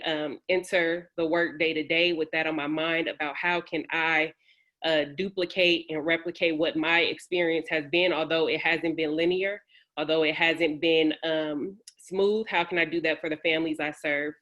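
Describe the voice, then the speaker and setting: A woman from San Francisco speaks on a video call panel, her voice a little low. She talks in an earnest, personal, thoughtful way. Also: fairly bright tone.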